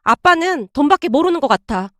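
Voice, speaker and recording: High-voiced woman narrating a story. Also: big pitch swings, a little fast, no echo, clean studio sound. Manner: polite storytelling speech.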